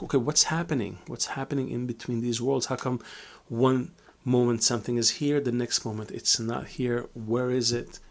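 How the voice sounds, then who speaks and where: A man's voice: mid-range voice, vocal fry. A middle-aged man from Israel giving a reflective live Q&A talk as a Kabbalah teacher, with many fillers and restarts.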